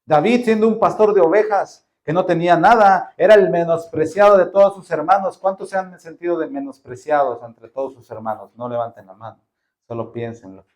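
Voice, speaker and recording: A man's voice: on the high side, steady tone, fairly quick, a little mellow. A man preaching a sermon in a church, acting out little dialogues and firing off rhetorical questions. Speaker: pastor.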